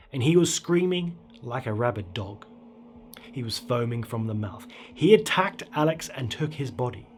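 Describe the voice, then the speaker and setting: A horror story narrator who also hosts the channel tells a scripted tale in a theatrical, suspenseful manner. His voice is medium-pitched and slightly rough, set against a dark ambient music bed.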